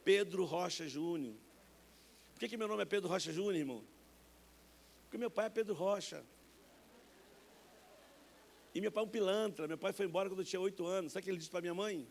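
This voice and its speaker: High gravelly Brazilian man preaching. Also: fast talker, pauses often. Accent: Brazilian Portuguese. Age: 50s. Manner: animated, acts out voices in his stories, calls listeners brother. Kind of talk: sermon testimony. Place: church sanctuary.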